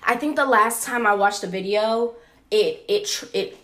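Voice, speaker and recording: A woman's voice: medium pitch, moderate pace, a bit bright. A woman in casual conversation. She talks bluntly and emphatically, in loose slang, and often circles back to repeat a point for weight. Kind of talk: casual chat.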